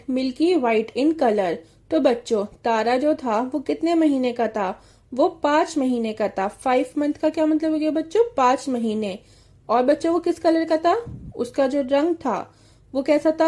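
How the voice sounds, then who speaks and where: A woman teaching an English story to children, reading lines slowly and then explaining them with questions. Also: high-pitched, warm tone.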